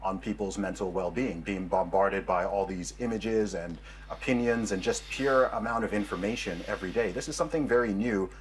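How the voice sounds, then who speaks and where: A man speaking as a guest on a talk show, laying out his point in a calm, reasoned way. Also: on the low side, a little fast, few pauses, a little hiss or hum, rough recording. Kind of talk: measured studio discussion.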